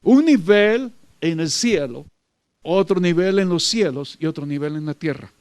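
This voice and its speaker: A man's voice: fairly high pitch, expressive, unhurried, a little mellow, no echo. A man preaching a sermon, emphatic and repetitive, often addressing his listeners as brother.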